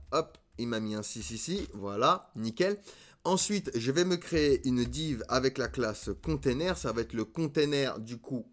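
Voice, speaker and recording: A man explains coding step by step for a screen-recorded tutorial. His voice sits at an ordinary middle pitch and his delivery is relaxed, with quick little fillers between steps. Keyboard typing is heard behind him. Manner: relaxed, step-by-step with frequent "hop, nickel" and "d'accord?".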